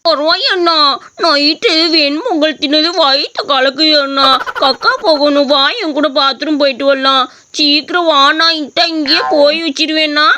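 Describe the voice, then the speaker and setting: A woman's voice: sits high, steady tone, normal speed, hardly any pauses, lightly acted. A woman voicing a timid little boy in a cartoon story, whiny and pleading. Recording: noisy recording.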